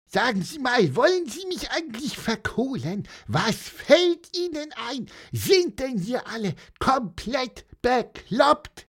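A man voicing an excitable, quick-tempered little male bird in a storybook reading, in a squeaky, piping, flustered way. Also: full character voice. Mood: furious.

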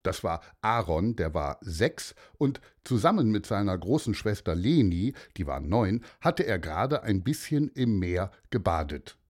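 Ein Mann, der Kindern eine Geschichte vorliest und sie direkt anspricht, plaudernd und gemütlich. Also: male voice, on the low side, very animated, unhurried, few pauses. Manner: warm, chatty, addresses children directly. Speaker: storyteller. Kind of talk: children's story narration.

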